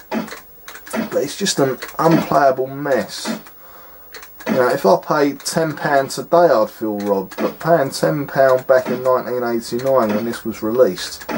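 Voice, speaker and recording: A man's voice: medium pitch, noisy background. A man giving casual gameplay commentary as a retro game reviewer, exasperated and scornful, rambling with fillers.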